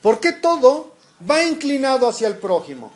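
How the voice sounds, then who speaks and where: A man's voice: very high voice, sing-song, moderate pace. A man preaching a sermon to his congregation, reading scripture aloud and asking the listeners questions.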